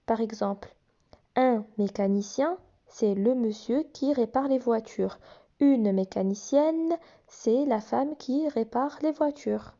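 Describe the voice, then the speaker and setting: Slow and dark-toned, a woman with a fairly high voice guides young children through phonics workbook exercises. She patiently sounds out letters one by one, and the recording is muffled.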